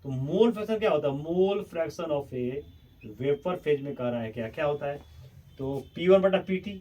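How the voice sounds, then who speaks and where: In a lo-fi recording, a man with a fairly high, warm voice teaches a chemistry lesson at the blackboard, solving problems step by step at a moderate pace with lively intonation. He coaxes his students repetitively, speaking to them as children, and his voice fades in and out as he steps away from the mic to write. He sounds distant, with faint room noise behind him.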